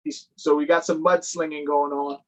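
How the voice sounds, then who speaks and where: Reading aloud to children at storytime, a man livens up the tale with playful asides aimed at his young listeners. His voice is fairly high and level at a normal speed, though the recording is muffled with slight background noise.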